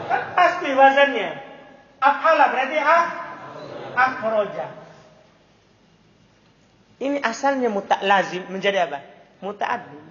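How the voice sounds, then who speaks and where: High-voiced man teaching, echoey hall. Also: a bit bright. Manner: keeps quizzing students with repeated questions. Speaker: Arabic grammar teacher. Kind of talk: classroom lesson. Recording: echoey hall, dull lo-fi sound.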